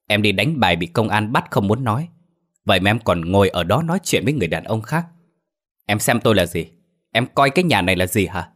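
A stern young husband, reproachful and clipped, holding back his anger as a male storyteller reads him. His deep voice presses each question hard. It sounds like a narrated family drama. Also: slightly rough.

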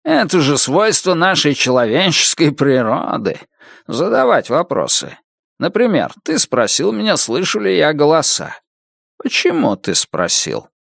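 A male narrator voicing an old drunken tramp who keeps asking questions in a teasing, drawn-out way. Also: a little high, huge pitch swings, creaky, a bit bright, dry recording, studio quality, pitched above the performer's own voice, full character voice. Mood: probing.

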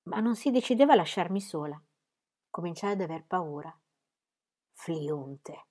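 A woman narrating a novel in the first person, soft and intimate, dropping her voice low in the quiet passages. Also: animated, unhurried. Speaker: audiobook reader.

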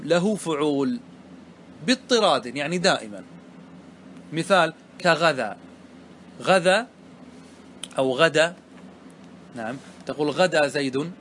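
A man's voice: fairly high pitch, a bit bright, a little hiss or hum. A man teaching Arabic grammar, patiently asking and answering his own questions as he explains a verse poem.

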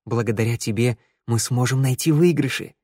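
A man's voice: mid-range voice, moderate pace, darkish tone, dry recording, clean studio sound, close to an everyday voice. A man reading an audiobook voices an earnest, hopeful young woman who speaks eagerly.

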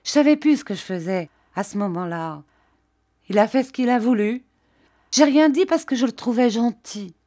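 A young peasant maid, sobbing and ashamed, blurting out her confession in breathless bursts that lift higher than the reader's own voice, as a woman reads her part. The voice carries a lively rise and fall. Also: normal speed, natural voice. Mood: flustered confessing.

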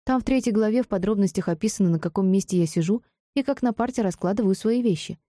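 A woman's voice: mid-range voice, fast talker, mellow, no room sound, studio quality, pitched above the performer's own voice, close to an everyday voice. A woman voicing an earnest, anxious young female student who talks things through carefully, in an audiobook.

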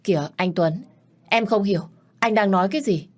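A woman's voice: medium pitch, a little fast, pitched above the performer's own voice, natural voice. A woman voicing a spoiled rich young woman who sounds startled. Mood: frightened.

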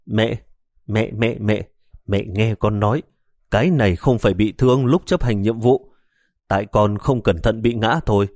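A young policeman, flustered and pleading, tripping over his words, as a male storyteller plays him. Fairly close to the reader's own low voice, recorded dry and close. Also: moderate pace, darkish tone, no room sound, lightly acted.

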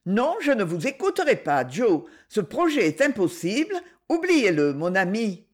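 A woman voicing a proud young woman who refuses a suitor with gentle firmness. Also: medium pitch, very animated, normal speed. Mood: gently firm. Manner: gentle but firm, reproachful.

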